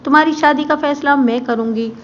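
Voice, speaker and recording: Storybook mother played by a woman, strict, cold, bossy, high-pitched, slightly muffled sound. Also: a little fast, lightly acted. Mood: stern. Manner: commanding, cold. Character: stern strict older mother, controlling. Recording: muffled with faint background hiss.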